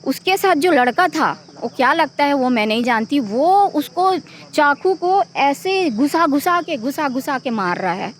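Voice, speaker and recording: Distressed high-voiced middle-aged woman. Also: big pitch swings, unhurried, few pauses, slight background noise. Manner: pleading, repetitive, urgent. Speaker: victim's mother giving an interview. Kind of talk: distressed eyewitness account.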